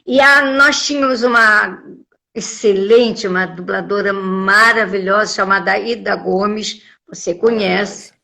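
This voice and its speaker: A woman, older, telling lively anecdotes as a guest in an interview. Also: mid-range voice, a little slow, gravelly. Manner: lively storyteller, acts out quoted voices. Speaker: voice actress guest.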